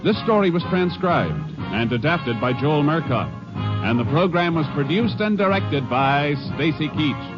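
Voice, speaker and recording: 1950 radio announcer over music. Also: male voice, fairly high pitch, animated, measured pace, muffled recording. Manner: crisp, declamatory announcing.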